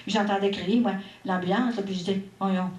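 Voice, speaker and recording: A woman's voice: mid-range voice, fast. Older Québécois woman telling her story. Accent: Québécois French. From Quebec. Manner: lively, expressive storytelling with asides and laughter. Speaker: testimony giver at a religious mission. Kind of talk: personal faith testimony. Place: church hall at a religious gathering. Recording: echoey hall, faint background noise.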